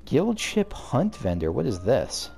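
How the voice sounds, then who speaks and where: A let's play host chats casually over his game in a mid-range, gravelly voice with a darkish tone and huge pitch swings. He talks unhurriedly, rambling, musing aloud, and cutting himself off, with soft music in the background.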